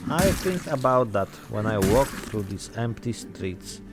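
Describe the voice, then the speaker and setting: Man playing a slow, weary immigrant survivor. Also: on the low side. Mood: somber, reflective. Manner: deadpan, reflective storytelling in short clipped phrases. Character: weary Polish immigrant man surviving a zombie apocalypse, darkly wry. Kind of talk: narrated in-character role-play monologue.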